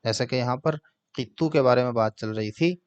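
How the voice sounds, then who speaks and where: A man with a smooth, mid-range voice teaches an Arabic grammar lesson, translating word by word slowly and patiently. The recording has a lo-fi sound.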